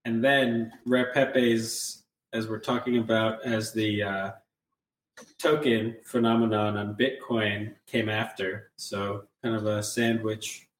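A man guest, an archivist and software developer, speaking in a measured, thoughtful way. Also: on the low side, little pitch movement, recorded from a distance, slight background noise. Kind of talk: casual panel chat. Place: shared room with other guests. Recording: echoey room, off-mic.

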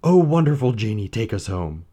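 A man's voice: on the low side, sing-song, normal speed, mellow, pitched above the performer's own voice. A man voicing an earnest young hero in a storybook reading, urgent and pleading.

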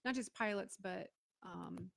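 Unhurried and medium-pitched, with vocal fry and a fairly bright tone, a middle-aged woman from Florida chats as an interview guest and acts out the voices in her stories. She's a business owner and veteran, and the talk is casual storytelling. The audio is studio quality with no echo.

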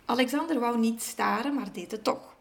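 A woman reading a children's story aloud in an expressive, measured way. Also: on the high side, vocal fry.

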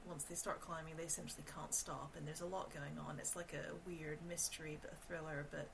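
Lowish-voiced woman, distant and noisy mic. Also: little pitch movement, brisk, gravelly. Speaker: podcast guest. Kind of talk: casual book chat.

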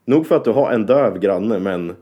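A man's voice: fairly low pitch, expressive, mellow, slightly rough, muffled recording. Wry man with a strained, tired throat. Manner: wry, joking. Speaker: songwriter. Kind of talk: casual studio chat. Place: apartment.

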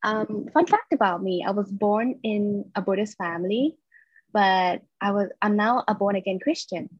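A chatty woman in her twenties, originally from Thailand, talks as a guest on a student podcast, upbeat and quick to laugh between her stories. Her voice sits at a middle pitch. The recording is dry and slightly dull, with no room sound. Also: breathy edge, dry recording. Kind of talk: casual interview chat.

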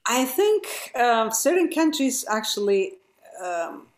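A woman's voice: on the high side, big pitch swings, takes it slowly, roomy sound. A woman musician from Europe, chatting casually as an interview guest and laughing easily.

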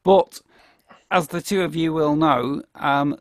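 A man's voice: a little high, steady tone, slow, dry recording, studio quality. A man hosting a casual film discussion in a rambling, informal way. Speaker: podcast host.

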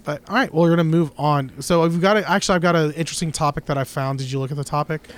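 On a casual guitar podcast, this male co-host speaks rapid-fire in a voice on the high side. He rambles, gives strong opinions, and keeps restarting his sentences.

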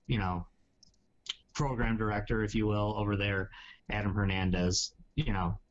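A low-pitched man hosts a casual podcast, winding through his points with hedges and asides. The audio is slightly dull, with a faint hiss underneath. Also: fairly even intonation, moderate pace. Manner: rambling, hedging, with many asides. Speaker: podcast host.

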